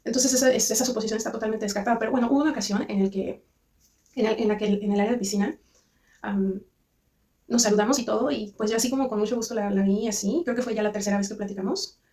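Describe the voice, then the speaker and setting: A woman's voice: on the high side, fairly even intonation, fast talker, mellow, recorded from a distance. A young Mexican woman with a Mexican accent telling a personal story in a rambling, chatty vlog monologue full of restarts. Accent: Mexican Spanish. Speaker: vlogger.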